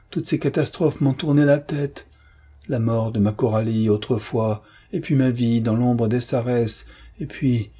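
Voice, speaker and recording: A man's voice: mid-range voice, mellow, breathy edge. A man voicing a tormented, half-mad old man who rambles with hesitations and silences, in an audiobook reading.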